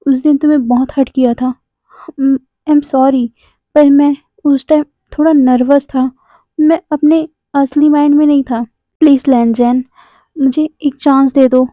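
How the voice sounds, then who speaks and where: A woman voicing a pleading, earnest young man in love, who talks haltingly and repeats his words. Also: sits high, no echo, close to an everyday voice. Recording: dry, tinny phone-like sound.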